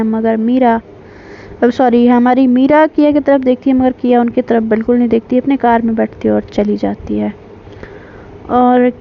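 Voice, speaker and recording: A woman telling a romantic story in a casual, conversational way, retelling the dialogue in her own plain narrating voice with small fillers. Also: a little high. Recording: dull lo-fi home recording with faint noise.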